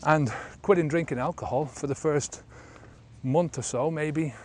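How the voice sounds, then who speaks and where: A man's voice: fairly high pitch, measured pace, slight background noise. A man of about fifty, a sobriety coach, talking casually in a vlog while walking an outdoor trail, rambling with many fillers, filmed on a handheld camera at arm's length.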